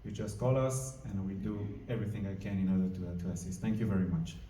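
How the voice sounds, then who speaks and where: A French diplomat gives an earnest, informal speech to a live audience in a large community hall, searching for words as he goes. His voice sits low and steady, and he talks fast. The recording is very noisy, with a roomy hall sound and a distant mic.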